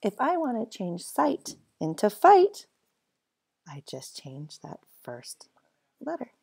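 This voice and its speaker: Woman teacher sounding out phonics slowly. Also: mid-range voice, huge pitch swings, gravelly, darkish tone, slightly rough. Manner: slow, exaggerated sounding-out of letters and words; cheerful, encouraging teacher talk. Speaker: first-grade teacher. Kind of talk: phonics lesson for young children.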